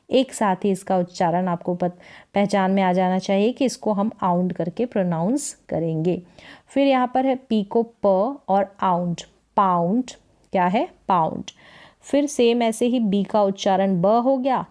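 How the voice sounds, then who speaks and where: A woman teaching English reading, slowly sounding out words syllable by syllable and quizzing the viewer. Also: medium pitch, mellow. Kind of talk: slow phonics lesson.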